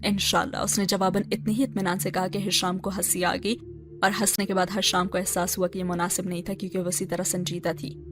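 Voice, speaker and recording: A woman narrating scenes from a novel, then chatting casually about the story as the channel's host. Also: on the low side. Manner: relaxed, chatty commentary. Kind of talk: novel reading and review. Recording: narration over background music. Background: background music.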